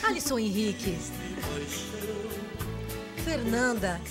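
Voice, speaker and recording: An old-style AM radio announcer, formal and booming, as a woman puts him on. The voice sits high, with every word drawn out and declaimed. It sounds set back from the mic, with loud music playing behind it. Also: lively intonation, takes it slowly. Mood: announcing. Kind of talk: comic bit on a live web show.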